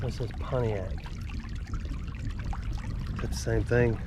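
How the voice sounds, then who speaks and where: Wading through a city creek outdoors, this Alabama man who vlogs about creek exploring rambles folksily and amuses himself. He has a Southern accent and a stuffed-up nose, speaking slowly at medium pitch with fairly even intonation, and the recording is very noisy.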